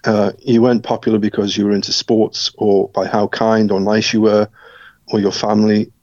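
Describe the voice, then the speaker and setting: A middle-aged man from Scotland, speaking as an interview guest and telling his life story in a reflective, measured way with frequent restarts. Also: fairly low pitch, little pitch movement, a little mellow, no echo, highs cut off.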